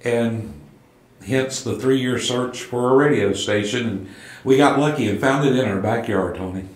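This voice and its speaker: A man's voice: mid-range voice, unhurried. A man with a Southern Appalachian accent telling anecdotes casually in an interview, folksy and plain-spoken. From southern United States. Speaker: local radio station owner being interviewed. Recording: echoey room.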